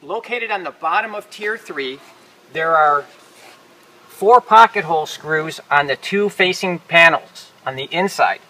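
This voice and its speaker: Demonstrating how to put something together, a man gives informal, practical directions one step at a time. His voice is on the high side, unhurried, bright and forceful. Background noise fills the room, and his mic distance varies.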